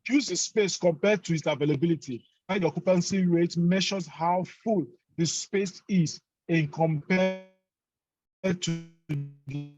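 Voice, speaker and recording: A man giving an online lecture over a choppy, breaking video call, halting and full of fillers and restarts. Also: a little high, a little mellow. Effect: choppy, breaking video call audio. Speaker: course lecturer. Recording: dull lo-fi call audio, faint music.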